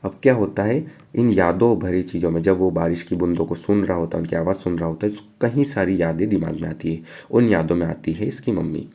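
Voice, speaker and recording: Deep gravelly teacher. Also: male voice, mellow. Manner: reads verse lines slowly, then explains casually. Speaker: English teacher. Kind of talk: line-by-line poem explanation.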